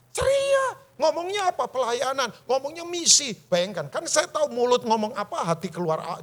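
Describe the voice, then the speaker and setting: A man preaching a sermon as pastor at a church service, in a colloquial, lively way that breaks into loud, emphatic bursts. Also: very high voice.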